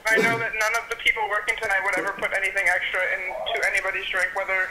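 A man's voice: high voice, monotone, fast, over a noisy crowd. A male shop employee on a telephone, earnestly reassuring a customer through a phone speaker. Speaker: shop employee answering a call. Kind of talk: customer service phone conversation. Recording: noisy echoey phone speaker picked up in room.

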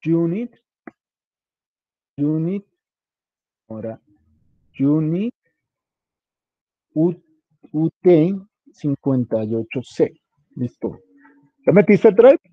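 A man walks a student through a task, casual and hands-on, spelling out every detail. His voice sits a bit high. The sound is dull and lo-fi, close and dry. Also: very animated, drawn-out words, long pauses, no echo. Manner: informal, coaching, spells out details. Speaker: instructor. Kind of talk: guiding a student through a web page setup.

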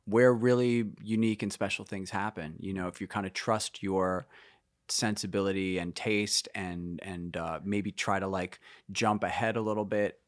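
In a casual interview, a guest musician in his fifties reflects and wanders, full of fillers and restarts. His voice is deep and steady at a normal pace. The audio is studio quality with no room sound.

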